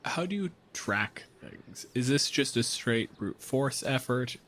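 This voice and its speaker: Here the male host, again running the game, spins his improvised tale at a slow pace with lively intonation and dramatic flourishes in a conversational style. The pitch is medium and slightly bright, with a touch of hiss or hum in the recording.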